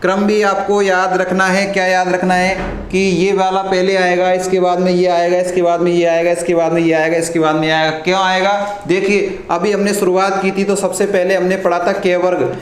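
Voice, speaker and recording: A man teaching a live online lesson, asking the class questions and answering them himself, often clearing his throat. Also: high voice, monotone, normal speed, few pauses. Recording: echoey room with faint noise.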